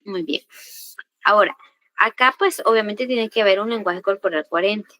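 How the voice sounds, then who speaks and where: A woman's voice: mid-range voice, moderate pace, pushed and bright, no room sound. A woman giving a class lecture, often checking whether the students follow and acting out quoted examples. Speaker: teacher. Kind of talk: class lecture on assertive communication.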